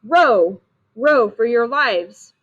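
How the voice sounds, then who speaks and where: A woman's voice: on the high side, moderate pace, natural voice. A commanding but worn-down hero captain, read by a woman in her ordinary voice. The words come out firm and leader-like in a storybook reading, on a muffled, lo-fi recording. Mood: urgent. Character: Odysseus, weary male hero captain.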